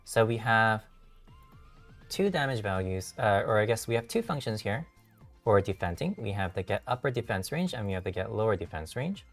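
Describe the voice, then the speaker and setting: Low-voiced man walking through code. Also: big pitch swings, recorded from a distance, faint music behind. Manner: halting, many ums and self-corrections. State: losing his voice a little. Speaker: software engineer hosting a dev stream. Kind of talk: live-coding tutorial walkthrough.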